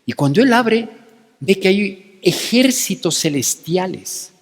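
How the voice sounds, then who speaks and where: Animated preacher in a reverberant church. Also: male voice, high-pitched, slow pace. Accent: Ecuadorian Spanish. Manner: conversational preaching, frequent "¿sí?" checks. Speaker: pastor. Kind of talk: sermon with Bible reading. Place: church sanctuary.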